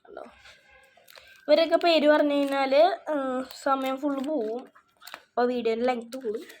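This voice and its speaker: A woman's voice: sits high, normal speed, darkish tone. A woman chatting casually in a show-and-tell vlog, reading names off her cards one by one. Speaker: vlogger showing her card collection.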